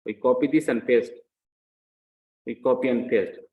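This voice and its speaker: A man lectures on accounting in a medium-pitched, mellow voice, taking his time as he works through an example. He repeats phrases and checks understanding with quick questions, recorded in an echoey room with a dull, muffled sound.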